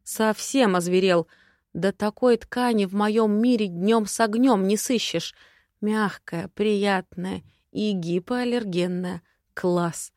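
A woman's voice: mid-range voice, slow, a little mellow, no echo, studio quality. A woman narrating a first-person fantasy audiobook in a sassy, exclamatory, comic way.

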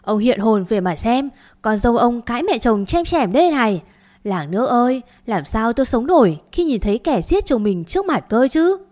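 A bitter old mother-in-law in a spoken story, wailing in grief one moment and screeching accusations the next, as a woman narrator puts her on. Her voice sits a little higher and much louder than the reader's own. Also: lively intonation, fairly quick, natural voice.

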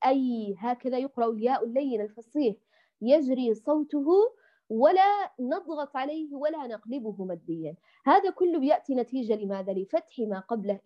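A woman's voice: high-pitched, expressive. Patient woman teaching Quran recitation, lo-fi. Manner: patient, repeats and drills syllables slowly. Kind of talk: tajweed lesson for women. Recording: dull lo-fi audio.

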